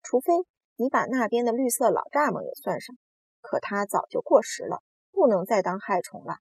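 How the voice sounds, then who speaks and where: A woman voicing a boastful, cheeky male giant centipede in a storybook reading, bragging and teasing loudly. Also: fairly high pitch, animated, moderate pace, husky, dry recording.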